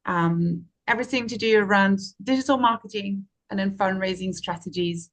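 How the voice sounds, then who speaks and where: A woman in her forties from France, speaking as an interview guest, explaining her work steadily with frequent pauses. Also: medium pitch. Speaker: guest, fundraising and marketing consultant. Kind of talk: interview answer, casual.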